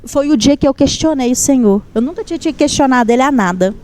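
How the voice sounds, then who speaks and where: A woman with a high voice gives a heartfelt personal testimony. She tells it in a lively way and acts out each line of dialogue as she goes. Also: fast talker. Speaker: guest giving a testimony.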